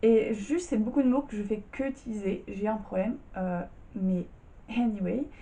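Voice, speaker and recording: A woman's voice: mid-range voice, normal speed, warm tone. A young woman vlogging casually from her bedroom, tired and just out of bed, chatty and full of slang and fillers. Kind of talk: casual chat.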